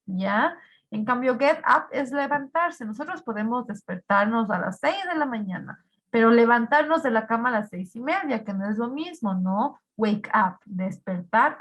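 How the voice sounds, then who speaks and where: A woman teaching an English class, repeating each phrase slowly in English and then giving it in Spanish, with an Ecuadorian accent. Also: a little high, creaky, fairly bright tone, breathy edge, low-quality recording. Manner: slow repetitive drilling of words, switching between English and Spanish. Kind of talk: bilingual online class.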